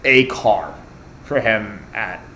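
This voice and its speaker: A young man with a fairly low voice, talking in halting bursts that repeat words and fade out at the ends. He sounds relaxed and conversational. A faint background hiss runs underneath. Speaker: podcast co-host. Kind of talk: casual chat.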